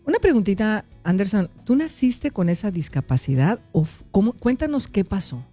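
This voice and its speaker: A woman's voice: medium pitch, big pitch swings, normal speed, faint music behind. Chatty woman hosting a live interview. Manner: warm, chatty, repeats herself while fixing tech trouble. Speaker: host.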